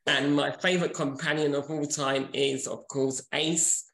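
A man's voice: on the high side, level tone, a little slow, creaky, a bit bright, roomy sound, poor audio. A man in his forties, a podcast co-host and author, chatting casually and laughing often. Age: 40s.

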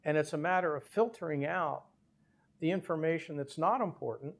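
An older man, a former airline captain, telling his story in an interview at a measured pace with small hesitations. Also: on the high side. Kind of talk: conversational storytelling.

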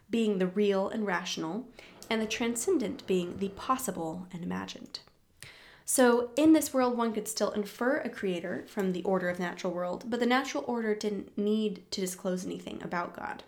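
A woman presenting a book discussion, reading passages aloud and explaining them in a thoughtful, measured way with asides and fillers. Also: medium pitch, darkish tone.

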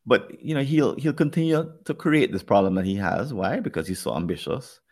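A man's voice: fairly low pitch, lively intonation, fairly quick, darkish tone. A man with a Jamaican accent hosting a podcast, talking things over earnestly and turning now and then to speak straight to his listeners. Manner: earnest, reflective talk that addresses listeners directly. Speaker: podcast host. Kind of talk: casual podcast conversation.

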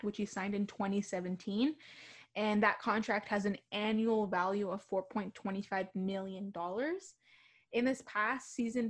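A young woman co-hosting a hockey radio show, chatting casually with many fillers and quick laughs. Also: mid-range voice. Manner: chatty, giggly, with fillers and restarts. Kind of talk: casual sports chat.

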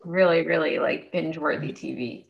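Female co-host, slightly low voice with plenty of fry, relaxed conversational delivery. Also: normal speed, highs cut off. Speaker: podcast co-host. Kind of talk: casual chat.

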